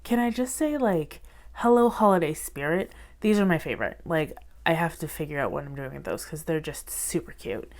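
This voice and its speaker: A woman's voice: sits low, lively intonation, moderate pace. A woman in her thirties with a stuffy head cold, chatting casually to camera about her budget, sniffling and self-deprecating. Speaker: budgeting vlogger.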